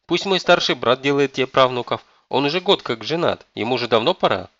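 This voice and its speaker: A man's voice: medium pitch, lively intonation, normal speed, vocal fry, a bit bright, no room sound, dull audio, voice pushed up. A man voicing a spoiled, lazy young man of twenty-two who whines and pleads. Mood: whining. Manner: whiny, pleading.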